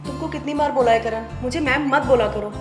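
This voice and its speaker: A woman's voice: high-pitched, fast, close to an everyday voice. An actress playing a principled woman boss who firmly scolds her staff in defense of her husband. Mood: weary. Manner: firm, scolding, reproachful. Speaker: office boss and wife. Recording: echoey room with faint music.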